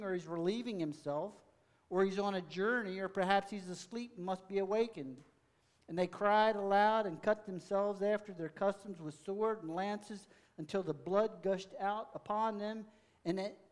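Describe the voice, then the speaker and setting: High-voiced man reading scripture in a sermon. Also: smooth. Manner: reads with rising, forceful emphasis. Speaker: pastor. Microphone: mic checked aloud.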